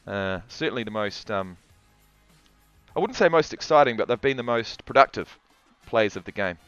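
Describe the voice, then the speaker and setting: A man's voice: on the low side, animated, moderate pace, a bit bright, clean tone, no echo, lo-fi sound, faint music behind. A man with a New Zealand accent casually commentating a football livestream and reading out chat, rambling and restarting often.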